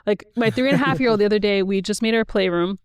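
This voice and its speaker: A woman in her thirties chats on a podcast with a smooth, resonant voice. She tells stories in a lively way, acting out quotes and filling in with "like". The sound is dry and close. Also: mid-range voice, fast, no room sound. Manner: animated storyteller, acts out quotes, many "like"s. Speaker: podcast co-host. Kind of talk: casual conversation.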